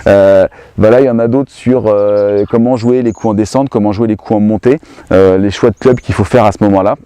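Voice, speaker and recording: A man's voice: fairly low pitch, fairly even intonation, brisk, mellow, smooth. A man hosting a golf lesson, talking in a casual, hesitant, explanatory way. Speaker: golf course host. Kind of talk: casual instructional chat.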